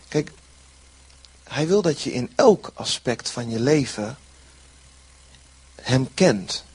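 Male preacher, mid-pitched and husky, earnest sermon delivery that leans on repeated phrases. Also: a little mellow.

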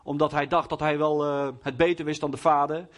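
A man's voice: on the high side, level tone, brisk. A young man preaching in Dutch, telling a personal testimony in a hesitant way with many fillers and restarts. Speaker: lay preacher.

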